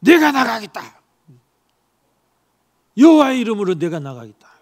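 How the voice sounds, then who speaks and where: Bold young shepherd David, indignant and defiant, calling out a crowd of cowards in a sharp, raised, high-pitched voice, as a preacher acts him out. The story is told from the pulpit. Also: male voice, sing-song, normal speed, heavily acted. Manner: outraged shouting challenge.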